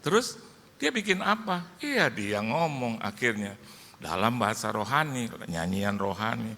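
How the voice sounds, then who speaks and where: A male pastor preaching, lively, telling comic stories and acting out dialogue in changing voices. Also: lowish voice, unhurried. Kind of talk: sermon with comic storytelling. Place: large church hall. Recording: church hall reverb, faint ambience.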